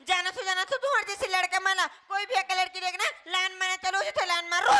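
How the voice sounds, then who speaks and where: A woman's voice: very high voice, fairly even intonation, fast, bright, forceful tone. A woman acting a feisty young college student in comic folk theatre, with a Chhattisgarhi accent. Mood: scolding, indignant.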